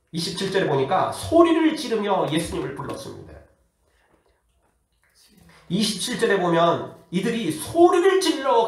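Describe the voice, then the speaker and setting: Lively Korean pastor preaching in an echoey hall. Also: male voice, high-pitched, far from the mic. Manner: lively preaching, acts out quoted voices, rhetorical questions. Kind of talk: sermon. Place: church hall.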